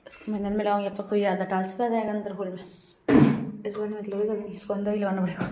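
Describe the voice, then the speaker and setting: A woman's voice: medium pitch, flat delivery, fast, heavy background noise. Chatty young woman vlogging chores. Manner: chatty, self-narrating chores, laughs at herself. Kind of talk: casual home vlog chat. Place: home rooftop and garden area.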